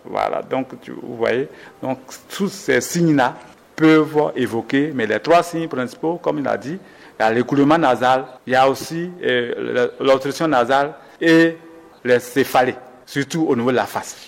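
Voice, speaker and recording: With a long reverb trailing his gravelly, medium-pitched voice, a man who is a doctor answers interview questions about symptoms. His explanations are patient and measured, punctuated by frequent restarts and self-corrections.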